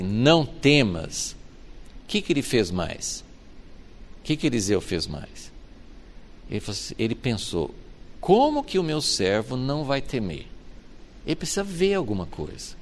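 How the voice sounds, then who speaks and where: A male pastor giving a sermon, expressive, moving between hushed reflection and emphatic passages. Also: a little high.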